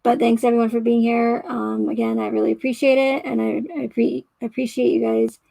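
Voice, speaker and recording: Gravelly, flat-voiced woman livestreamer. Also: on the high side, a little fast, no room sound, low-quality recording. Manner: rambling, hesitant, many restarts and fillers. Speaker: livestream host. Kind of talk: casual livestream chat with viewers. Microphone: home microphone.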